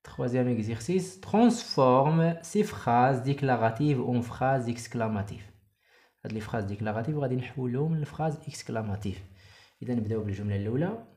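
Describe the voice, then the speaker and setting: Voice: mid-range voice, animated, quick pace, a little mellow. A teacher with a Moroccan accent giving a primary school French lesson, reading example sentences aloud and explaining them in Darija. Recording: echoey room.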